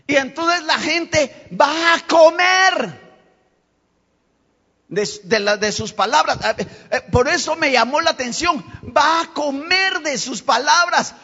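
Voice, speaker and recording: A male pastor with a high, bright voice delivers a sermon at a measured, unhurried pace. He talks straight to the congregation and climbs to forceful peaks. The live-streamed sound is dull and lo-fi, with long reverb from a church hall. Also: vocal fry. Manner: preacher addressing the congregation as brothers, rising to emphatic peaks.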